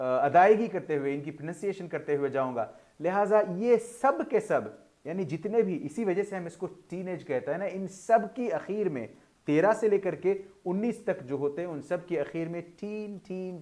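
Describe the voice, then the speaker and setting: Man, pronunciation teacher, video lesson, formal wording, slow drawn-out examples, fairly high voice. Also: a little mellow. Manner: slow, drawn-out model pronunciations between explanations; formal, Urdu-flavoured vocabulary.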